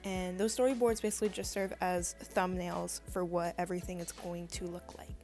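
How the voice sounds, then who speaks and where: A woman's voice: fairly low pitch, flat delivery, moderate pace, dark tone, soft background music. A woman in a morning voice, chatting casually as she walks through her comic-making process in a vlog. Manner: chatty, rambling, with frequent fillers. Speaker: comic artist and YouTuber.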